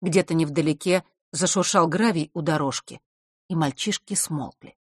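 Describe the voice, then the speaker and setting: A woman narrating an audiobook chapter in a calm, measured reading on a close mic. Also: deep voice, husky, no echo.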